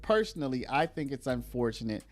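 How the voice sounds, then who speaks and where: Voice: medium pitch, very animated, brisk. An online commentator talking casually to viewers in a chatty way, often saying "y'all".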